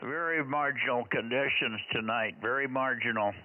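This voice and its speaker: A man's voice: medium pitch, moderate pace. An American man running an amateur radio net as controller, chatting casually and repeating call signs and short phrases in procedural radio style. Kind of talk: casual ham radio net check-in chat. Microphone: two-way radio. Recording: tinny narrowband radio, heavy static noise, clicks.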